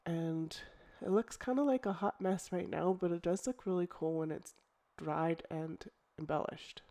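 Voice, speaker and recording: A middle-aged woman who has a cold narrates a casual scrapbooking tutorial in a croaky, low-leaning voice. She's unhurried and relaxed, chatting away and thinking aloud with ums and restarts.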